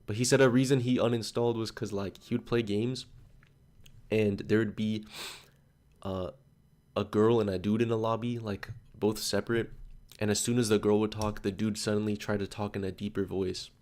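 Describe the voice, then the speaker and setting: Rambling young man, low voice. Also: little pitch movement, moderate pace, darkish tone. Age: 20s. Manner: loose and chatty, many filler "like"s, jumps between stories. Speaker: study streamer. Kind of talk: casual rambling chat on a livestream.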